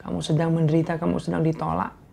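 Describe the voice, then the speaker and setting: A man voicing a sly, tempting devil, murmuring in a low, half-whispered voice. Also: completely flat delivery, fast talker, gravelly, mellow, husky, exaggerated voice.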